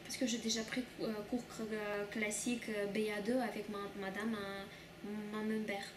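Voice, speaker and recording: A young woman, a student, speaking soft, hesitant learner's French with many fillers. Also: medium pitch, little pitch movement, normal speed, a crowd in the background. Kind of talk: interview answers. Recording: echoey room, far mic, noise.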